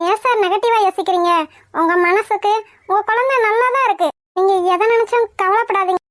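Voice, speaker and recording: A woman's voice: very high-pitched, fairly quick, fairly bright tone, dry recording, studio quality. A woman voicing an anxious young woman in a cartoon, fretting and reassuring. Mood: worried. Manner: fretful, anxious. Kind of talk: Tamil cartoon voice acting.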